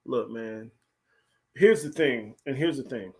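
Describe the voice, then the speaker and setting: A man, co-hosting a casual sports talk show and making his points with animated emphasis. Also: mid-range voice, slow pace. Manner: animated, emphatic, repeats "here's the thing". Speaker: podcast co-host.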